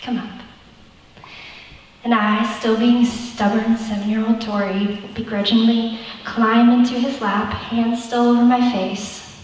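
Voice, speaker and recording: A young woman telling a personal story in a youth sermon, slowing down tenderly at key moments. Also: fairly high pitch. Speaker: youth speaker. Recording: echoey hall from far off.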